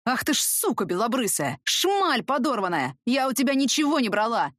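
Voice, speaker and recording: A woman voicing a coarse, hoarse, drunken mother who swears shrilly. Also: on the high side, very animated, normal speed, fairly bright tone, dry recording, clean studio sound, pitched above the performer's own voice. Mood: abusive. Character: harsh drunken neglectful mother, coarse and whining.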